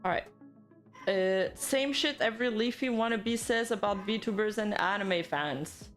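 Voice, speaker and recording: Female streamer, casual commentary style, medium pitch, music behind her. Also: a little slow, fairly bright tone. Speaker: livestream host. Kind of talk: casual livestream chat and commentary, reading viewer comments.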